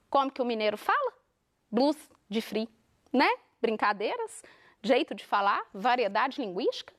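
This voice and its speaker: A woman teacher from Minas Gerais with a Minas Gerais accent, explaining a televised lesson in an animated way and asking the class rhetorical questions. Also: high-pitched. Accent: Minas Gerais Brazilian Portuguese. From Minas Gerais, Brazil.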